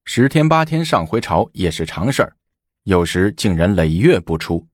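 A man narrating a historical story in an expressive storytelling manner. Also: low-pitched, moderate pace, breathy edge, no room sound, studio quality.

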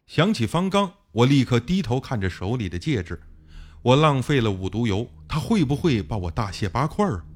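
A man narrating a first-person audiobook story in a lively, expressive way. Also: medium pitch, fairly quick.

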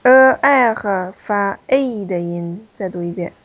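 A woman's voice: medium pitch, takes it slowly, no echo, highs cut off. A woman teaching a French pronunciation class, explaining rules step by step and calling on students. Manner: explanatory, repeats key points, calls on students.

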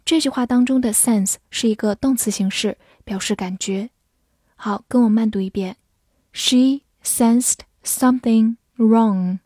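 A woman teaching English words in a scripted lesson, spelling them letter by letter and reading example sentences slowly for the listener to repeat. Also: mid-range voice, a little mellow, slightly rough, dry recording, studio quality.

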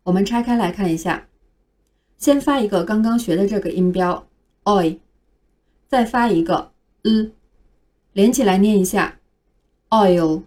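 With a mellow voice at medium pitch, a woman delivers a scripted phonics lesson on English pronunciation, carefully and slowly spelling out each word letter by letter.

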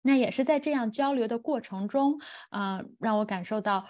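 A woman in her thirties talking reflectively as a podcast co-host, measured and thoughtful, with hesitant pauses. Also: a little high, darkish tone. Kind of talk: reflective personal talk in a podcast.

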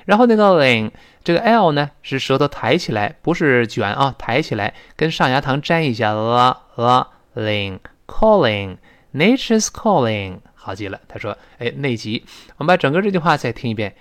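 A man teaching spoken English with a Chinese accent, explaining slowly and drilling words again and again. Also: medium pitch, lively intonation, a bit bright. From China.

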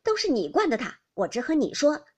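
A woman's voice: high voice, huge pitch swings, a little fast, darkish tone, slightly rough, voice pushed up, exaggerated voice. A woman doing a sly, sarcastic noblewoman. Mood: mocking. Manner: cold mocking insinuation.

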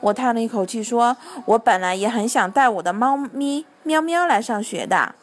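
Woman storyteller, children's story, higher voice, gentle narration, light character voices. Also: animated, normal speed.

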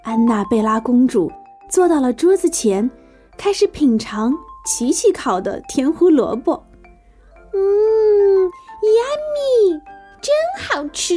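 A woman tells a children's story in a high voice that leaps up and down in pitch. Her tone is soft and mellow rather than bright, and her reading is playful and expressive over gentle background music. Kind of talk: children's bedtime story narration.

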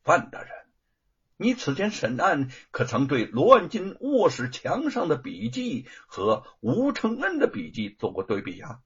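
A storyteller playing a cold, authoritative imperial envoy who scolds an official in measured tones. the voice is husky and high for a man, and the recording sounds dull. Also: wildly swooping pitch, heavily acted. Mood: stern. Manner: stern, measured, commanding.

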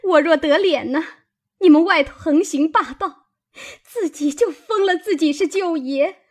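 A fierce young maidservant in a storybook reading, scolding high and loud with tears in her voice, put on by a woman narrator. The voice is husky and swoops widely as she lashes out. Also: big pitch swings, measured pace, full character voice. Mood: furious tearful. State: crying while scolding.

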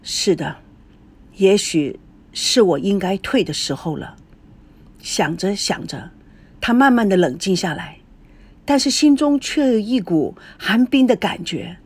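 A woman narrating a serialized audiobook novel in a slow, measured storytelling voice. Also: mid-range voice, animated, a little mellow, husky.

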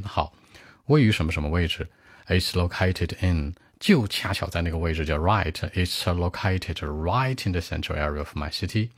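Deep-voiced Chinese man teaching English. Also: no echo, clean studio sound. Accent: Mandarin Chinese. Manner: explains vocabulary at length with asides and rhetorical checks. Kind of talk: IELTS speaking lesson, mixing Chinese and English.

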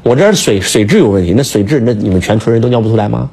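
A man's voice: medium pitch, lively intonation, very fast, warm tone, breathy edge. A man lecturing in a casual chat, emphatic and full of rhetorical questions, talking to his listener like a teacher. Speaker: speaker, teacher.

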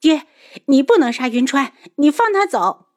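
A woman voicing a fierce, headstrong young noblewoman in an audiobook, shrill and impassioned. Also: sing-song, normal speed, a little mellow. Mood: desperate. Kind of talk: audiobook character voice.

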